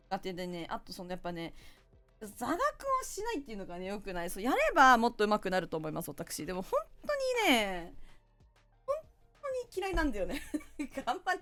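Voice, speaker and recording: A woman's voice: medium pitch, fairly bright tone. A woman game streamer, chatting casually and thanking viewers one by one.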